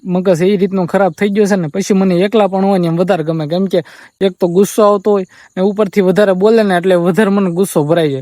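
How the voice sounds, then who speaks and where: A man's voice: high-pitched, warm tone, no room sound, studio quality. A young man, talking to viewers in a subdued, rambling vlog from his family farm. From Gujarat, India. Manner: subdued, rambling and repetitive, often quoting others. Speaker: vlogger.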